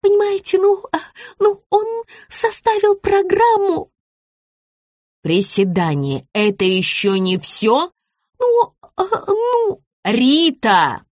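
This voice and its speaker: A woman's voice: very high-pitched, huge pitch swings, slow pace, no room sound, studio quality, pitched above the performer's own voice, full character voice. A woman voicing a fawning, flustered woman who coos sugary pet names and stammers in mumbled fillers. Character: fawning flustered middle-aged woman, wheedling.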